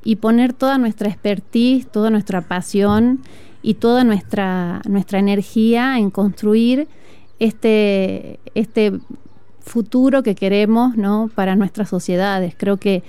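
A woman with a northern Argentine accent speaks as a guest music teacher, earnest and reflective, with a few thoughtful fillers. Her voice is warm and mellow, smooth and resonant. She talks outdoors in a school patio. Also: mid-range voice, takes it slowly, dry recording. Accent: northern Argentine Spanish. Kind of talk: conversational interview.

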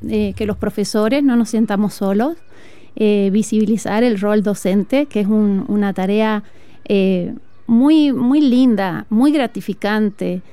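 A woman with a northern Argentine accent speaks as a guest music teacher, earnest and reflective, with a few thoughtful fillers. Her voice is warm and mellow, smooth and resonant. She talks outdoors in a school patio. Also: medium pitch, slow pace, dry recording. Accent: northern Argentine Spanish. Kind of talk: conversational interview.

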